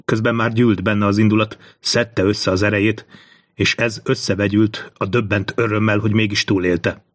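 A man narrating a thriller audiobook in a slow, measured reading. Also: lowish voice, fairly even intonation.

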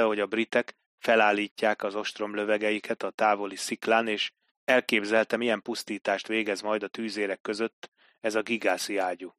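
A man reads an audiobook in a measured, dramatic way, with a forceful, bright tone. The sound is dry and close, with no room around it. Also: fairly low pitch, dry recording. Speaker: audiobook narrator. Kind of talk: scripted narration.

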